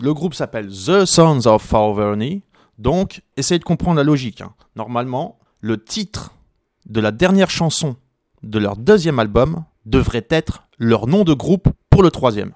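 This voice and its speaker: A man's voice: medium pitch, lively intonation, unhurried, a little mellow, dry recording, studio quality. A man hosting a radio music show, talking casually and jokingly about a band's songs, with plenty of hesitations and asides. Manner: chatty and joking, with many hesitations. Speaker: radio host.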